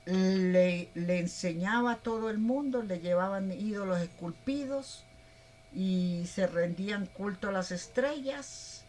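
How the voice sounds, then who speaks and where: A woman preacher, giving a rambling, animated sermon. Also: medium pitch, takes it slowly, slight background noise. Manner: animated, rambling, plays out voices.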